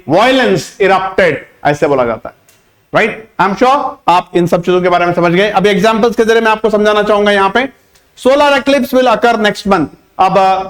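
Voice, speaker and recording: High-voiced man teaching English in Hindi. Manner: explains in Hindi, reads English example sentences slowly; emphatic, repeats points with rhetorical questions. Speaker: English tutor. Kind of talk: Hindi-medium English vocabulary lesson.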